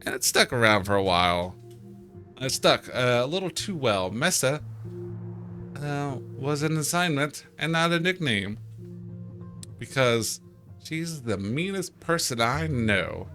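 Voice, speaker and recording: Male streamer, bright tense voice, reads game text aloud with puns, faint music under him. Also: mid-range voice, animated, measured pace. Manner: playful, stumbling over words, reads in-game posts aloud. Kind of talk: casual let's-play commentary.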